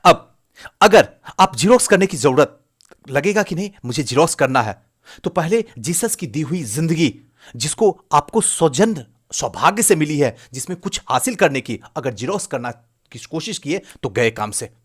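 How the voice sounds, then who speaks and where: A man's voice: on the high side, big pitch swings, normal speed, breathy edge. A male coaching teacher from Bihar, speaking Hindi with a Bihari accent, gives a fervent motivational lecture to exam aspirants, exhorting them and firing off rhetorical questions.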